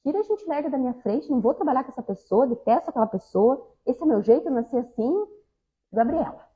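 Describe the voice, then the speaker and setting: A woman's voice: high voice, expressive, fast, dark tone, husky, poor audio. A woman voicing a brusque, impatient woman who is always in a hurry and complains curtly about others. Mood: irritated. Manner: curt, complaining, self-justifying.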